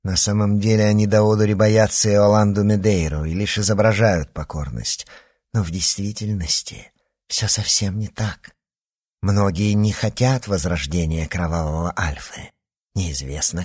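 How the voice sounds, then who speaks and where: A man voicing a spiteful, scheming adult witch woman, taunting with threats in a husky voice. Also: lowish voice, a little mellow. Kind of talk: audiobook character reading.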